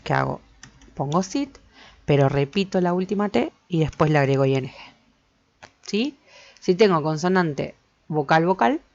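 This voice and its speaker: A woman's voice: low voice, vocal fry. A woman English teacher, patiently explaining grammar and checking in with her students again and again. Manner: patient, repeats points and checks with "¿sí?". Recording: slightly dull lo-fi recording.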